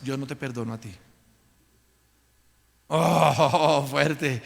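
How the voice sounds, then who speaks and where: Gravelly pastor in a reverberant church. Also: male voice, medium pitch. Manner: storytelling with acted voices and loud prayer. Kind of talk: sermon. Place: church sanctuary. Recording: long hall reverb.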